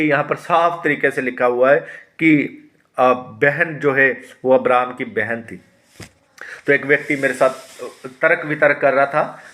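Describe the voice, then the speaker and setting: A man's voice: a little high, sharp tone. A pastor teaching a Bible study who reads verses aloud, then asks questions and answers them himself, often calling his listeners his dear ones.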